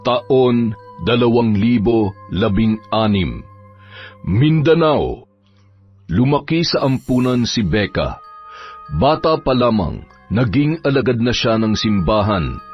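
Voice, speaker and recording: A man narrating a dark true story in a slow, measured, dramatic way. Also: lowish voice, lively intonation, highs cut off, faint music behind.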